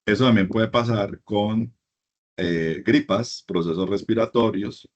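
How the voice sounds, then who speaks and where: A man's voice: fairly low pitch, measured pace. A middle-aged man giving a university class, explaining in a conversational teaching tone. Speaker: university lecturer. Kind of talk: classroom lecture. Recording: dull lo-fi recording.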